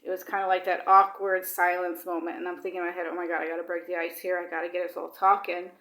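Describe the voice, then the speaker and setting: A fast-talking woman with a lowish, fairly bright voice and little pitch variation chats casually in her vlog. She rambles with many fillers, dropping the odd Swedish word into her English, and the sound is reverberant.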